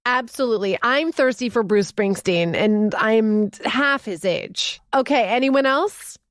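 A woman hosting a podcast, talking in a quick, animated and joking way. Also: a little high, no room sound, clean studio sound. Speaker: podcast host. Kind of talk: casual comedic chat.

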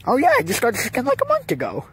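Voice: mid-range voice, wildly swooping pitch, racing, a little hiss or hum. A performer voicing a whiny, mischievous kid who frets and panics easily. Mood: sheepish. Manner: whiny, fretful. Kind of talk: fan puppet video acting.

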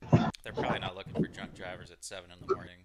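A man's voice: deep voice, completely flat delivery, fast talker. A man in his twenties telling stories in a laid-back casual chat, swearing often. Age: 20s.

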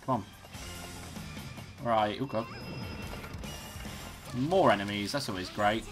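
A man's voice: fairly low pitch, takes it slowly. A young man hosting a let's play, giving casual, rambling gameplay commentary and swearing freely. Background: game music.

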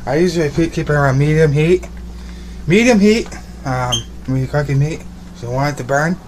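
A young man talks briskly in a voice on the high side during an upbeat, rambling cooking vlog, repeating his words as he cooks. Recorded on a phone at arm's length in a small home kitchen and bedroom, the background is noisy.

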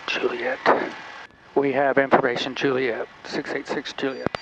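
A man's voice: medium pitch, little pitch movement, unhurried, muffled recording. A man acting as pilot of a small plane, making clipped radio calls to the tower through a cockpit headset. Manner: terse clipped aviation phraseology. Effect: pilot speaking through a cockpit headset. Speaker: private pilot. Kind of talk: radio calls to air traffic control. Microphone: headset boom mic. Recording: engine-noisy cockpit intercom.

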